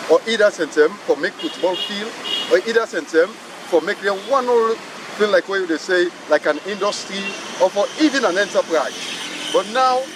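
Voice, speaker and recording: A man with a Sierra Leonean accent hosting an educational program in an emphatic, repetitive way. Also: high voice. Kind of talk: educational presenting, mixing Krio and English. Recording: clear outdoor traffic noise.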